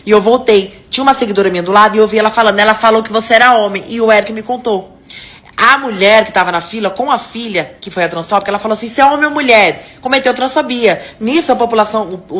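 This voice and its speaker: A woman influencer recounting an incident in an indignant, animated way. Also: on the high side, quick pace. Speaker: influencer telling her story.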